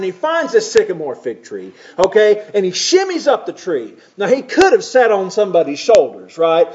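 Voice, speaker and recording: A male pastor tells a story in his sermon, asking his listeners to picture each scene and pausing often to check that they follow. His voice sits high for a man. The recording sounds dull and lo-fi. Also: a little mellow, slight background noise. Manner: vivid, asks listeners to picture scenes, keeps checking in with "right?".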